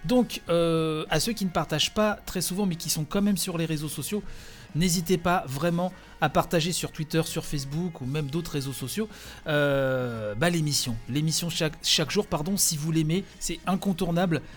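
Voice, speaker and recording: Male host, somewhat high voice, casual live reaction commentary, rambling with fillers. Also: moderate pace, faint music behind. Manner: chatty, hesitant, many fillers.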